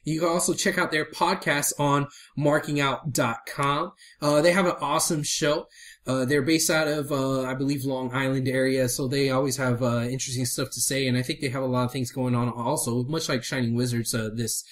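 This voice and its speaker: A man co-hosting a casual podcast, talking fast and laughing a lot as he teases his partner. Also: medium pitch. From Houston area. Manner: animated, laughs a lot, teasing. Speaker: podcast co-host.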